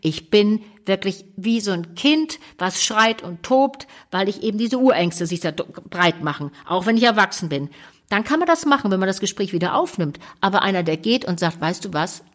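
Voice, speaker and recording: Woman on a chat show, relationship expert, animated, keeps acting out what people say, medium pitch. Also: normal speed. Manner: lively, animated, acts out quoted voices. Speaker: podcast co-host, relationship expert. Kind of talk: casual conversational talk.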